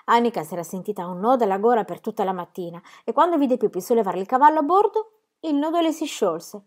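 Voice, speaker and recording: A woman reading a children's storybook aloud in a calm, expressive narrating voice. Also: on the high side, fast talker. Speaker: reader.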